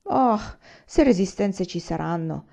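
A man's voice: sits high, lively intonation, unhurried, creaky, dark tone, lo-fi sound, heavily acted. A woman reading an arrogant army general. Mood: haughty. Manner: haughty, curt. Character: arrogant ambitious Japanese general, grown man.

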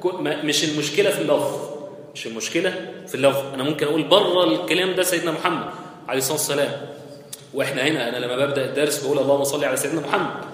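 A man's voice: a little high, rapid-fire, a bit bright. A man with an Egyptian accent giving a conversational hadith lesson in a mosque, often checking in with his listeners. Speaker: religious teacher. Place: mosque hall. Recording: very echoey hall with long reverb.

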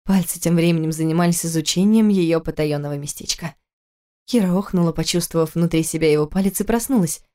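Low, mellow woman narrating a novel. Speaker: audiobook narrator. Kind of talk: scripted narration of a romance novel.

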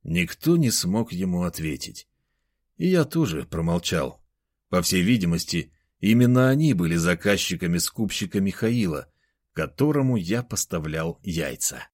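Lively male audiobook narrator. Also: low-pitched, normal speed, no echo, studio quality. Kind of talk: scripted first-person narration.

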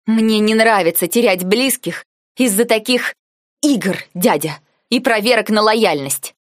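A woman's voice: mid-range voice, unhurried, dry recording, voice pushed up, close to an everyday voice. Distraught young heroine, pleading and hurt, woman narrator voicing her, dry recording. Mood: upset, shouting. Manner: pleading, then shouting in anger.

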